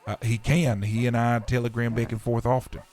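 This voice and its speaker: A man's voice: mid-range voice, level tone, fairly quick, a little mellow, natural voice. A man playing an earnest, folksy frontier preacher and schoolteacher in a live roleplay. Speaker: roleplay streamer.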